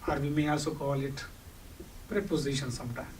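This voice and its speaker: His pitch medium and tone steady, the teacher speaks a little fast and a little mellow. A man with a Pakistani accent and Urdu as his first language, he explains his lesson by asking and answering questions, picked up by a faraway microphone amid audible noise.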